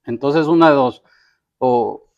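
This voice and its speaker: Male pastor, mid-pitched, chatty folksy sermon delivery, muffled lo-fi church audio. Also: takes it slowly, darkish tone. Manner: folksy, asks "¿verdad?" often, acts out quoted voices. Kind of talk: conversational sermon. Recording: dull lo-fi church recording.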